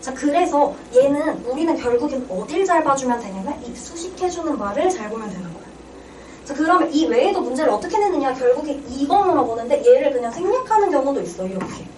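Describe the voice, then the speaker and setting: Talking fast with lively intonation and a voice that sits high, a young Korean reading tutor runs an exam-prep reading lecture. She asks her students questions and answers them herself; the mic is distant and roomy, with clear background noise.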